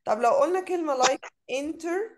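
Egyptian female online teacher, slightly raised pitch, mixes Arabic and English, stretches out example words. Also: rough recording. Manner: switches between Arabic and English, drawn-out word modeling.

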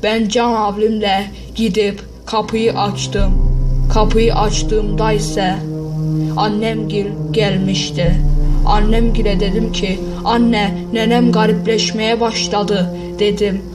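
A man's voice: sits high, little pitch movement, slow, low-quality recording. A man telling a first-person horror story in a plain, repetitive way, stringing events together one after another. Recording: music bed under voice. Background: background music.

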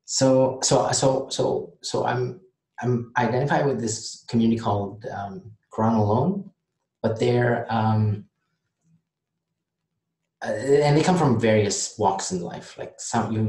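A man vlogging casually late at night, rambling and halting with many restarts. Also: lowish voice, darkish tone, reverberant, low-quality recording.

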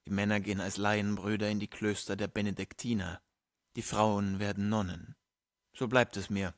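A man reading a classic text aloud as an audiobook narrator, steady and measured. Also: fairly low pitch, no echo, clean studio sound. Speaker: audiobook reader. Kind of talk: scripted narration.

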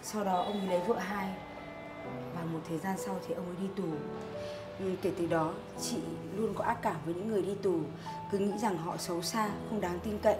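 An actress playing a young single mother who talks to her small son and apologizes to a neighbor, soft and coaxing, with music behind. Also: medium pitch, steady tone, brisk, close to an everyday voice. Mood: apologetic. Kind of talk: web drama acting.

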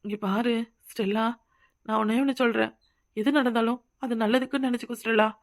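A woman's voice in a cartoon, slightly high and quick. She coaxes and consoles someone in a gentle, caring way. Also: fairly even intonation. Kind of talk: cartoon voice acting.

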